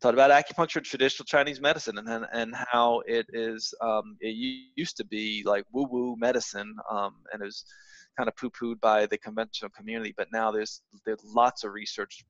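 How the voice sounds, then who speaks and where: A man's voice: fairly low pitch, a bit bright, no echo. A man co-hosting a podcast in casual chat, rambling with fillers and restarts, on a muffled microphone. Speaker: podcast co-host, acupuncturist. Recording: muffled, dull dry mic.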